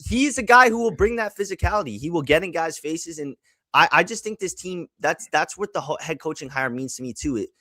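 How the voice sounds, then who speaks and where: A man's voice: a little high, lively intonation, a little fast, pushed and bright, no room sound. A man from Canada, a sports writer and podcast host, talking basketball in a casual chat, restarting his sentences often.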